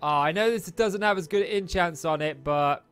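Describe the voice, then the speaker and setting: A man giving chatty, excitable gameplay commentary and taunting the enemies on screen. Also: on the high side, moderate pace, clear, resonant tone, faint music behind. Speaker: let's play host.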